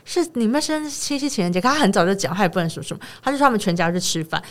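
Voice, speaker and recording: A woman's voice: medium pitch, lively intonation, racing. A woman with a Taiwanese Mandarin accent, co-hosting a podcast and retelling a friend's story in casual, rambling chat. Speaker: podcast co-host.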